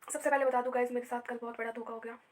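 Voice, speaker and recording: A woman's voice: fairly high pitch, level tone, racing. A young woman vlogging to camera, tired and upset after a sleepless night, telling the story chattily with many fillers. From India. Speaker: family vlogger. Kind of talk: casual vlog storytelling to camera.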